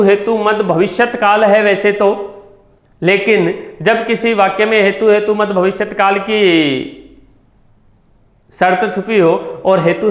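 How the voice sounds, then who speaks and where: A male teacher with a high voice solves exam questions aloud. He reads each option, then asks which one is the answer. His voice rings in an echoey room. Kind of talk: exam solution lesson.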